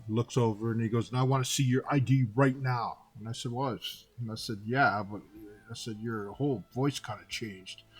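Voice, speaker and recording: A man in his fifties from Canada, telling personal stories in a casual monologue and acting out both sides of the dialogue. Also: medium pitch. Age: 50s. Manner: animated retelling, acting out dialogue with repeated "and I said".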